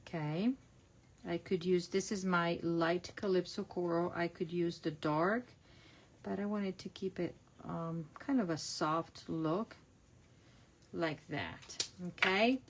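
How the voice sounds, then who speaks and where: In a low-quality recording, a middle-aged woman from Italy talks in a lowish voice at a slow pace, her Italian accent clear. As a crafting demonstrator leading a casual online class, she chats through stamping and card-making, describing each step and self-correcting as she works.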